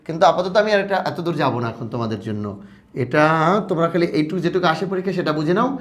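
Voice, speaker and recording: A man teaching a grammar lesson to students, repeating terms slowly and asking them questions. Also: a little high, expressive. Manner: drawn-out repetition of words for students.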